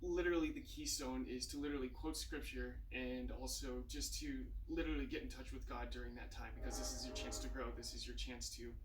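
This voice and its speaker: A man's voice: mid-range voice, steady tone, brisk, hardly any pauses. A man in his twenties answering interview questions in an earnest, easygoing way, laughing easily with hesitant fillers. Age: 20s. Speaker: interview guest, church volunteer. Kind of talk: casual interview chat. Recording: echoey, distant mic, faint noise.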